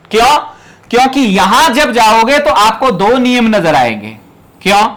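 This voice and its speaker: A man's voice: high-pitched, fairly bright tone. A man from Rajasthan teaching an exam prep lesson, repeating rules emphatically and speaking straight to his students. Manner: emphatic, repetitive drilling of rules; addresses students directly, explains step by step.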